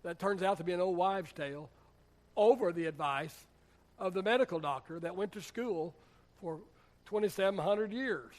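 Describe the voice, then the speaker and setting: A man's voice: high voice, normal speed. A man, a pastor, preaching a sermon in a church in a conversational, humorous storytelling way. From United States.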